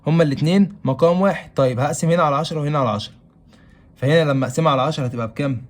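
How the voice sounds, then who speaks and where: Speaking in a slightly high voice at a racing pace, this Egyptian Arabic-accented man delivers a math lesson in classroom style. He keeps asking questions out loud, then supplies the answers himself.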